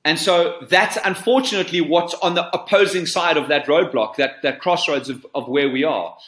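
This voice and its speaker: A man with a South African accent, a surf coach being interviewed, talking in an animated, emphatic way and repeating phrases for effect. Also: on the high side, moderate pace, reverberant. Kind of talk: podcast interview.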